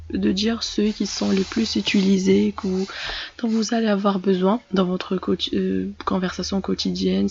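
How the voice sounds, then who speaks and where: A woman's voice: medium pitch, gravelly, a little mellow, dull audio. A woman giving a casual vocabulary lesson, talking in a hesitant way with many fillers and restarts. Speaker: English teacher for French speakers.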